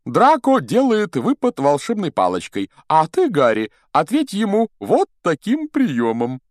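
A vain, flustered wizard teacher, squealing high above the narration and fussing loudly at everyone. The voice is pushed up bright and strained, with a thinner tone than the reader's own. It swings wildly up and down. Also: male voice, huge pitch swings, a little slow, dry recording, clean studio sound. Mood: showy. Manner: shrill, fussy and overexcited.

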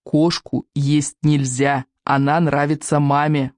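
A flustered young Viking boy, sullen and then pleading, as the reader plays him. His voice stays close to the reader's own, dry and near the mic, and it slows down when he gets firm. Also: medium pitch, little pitch movement, a little mellow, no echo, lightly acted.

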